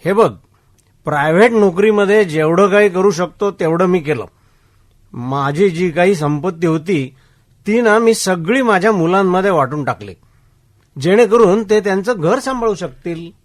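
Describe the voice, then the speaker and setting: A man's voice: high voice, normal speed, close to an everyday voice. An actor playing an elderly man who speaks bluntly and lectures his friend about neglectful children. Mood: bitter. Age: older. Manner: blunt, lecturing, plain-spoken. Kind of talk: radio drama acting.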